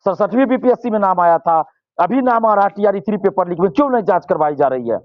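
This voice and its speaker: A man's voice: high-pitched, lively intonation, fast, no echo, lo-fi sound. A male student leader, giving impassioned interview answers and repeating phrases for force.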